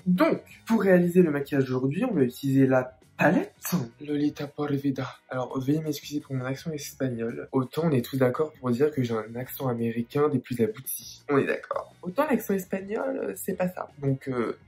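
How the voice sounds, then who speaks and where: A man's voice: medium pitch, expressive, fairly quick, hardly any pauses, a little mellow, faint music behind. A man with a French accent hosting a makeup video, talking in a theatrical, self-mocking way. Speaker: makeup vlogger. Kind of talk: casual makeup tutorial chat.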